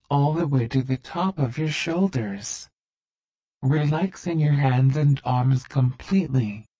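A man narrating a guided hypnosis relaxation in a soothing, repetitive, deliberate way. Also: fairly high pitch, warm tone, dull audio.

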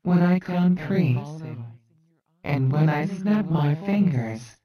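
A woman giving a slow, soothing hypnosis induction in short spoken commands. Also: on the low side, expressive, lo-fi sound, a loud crowd.

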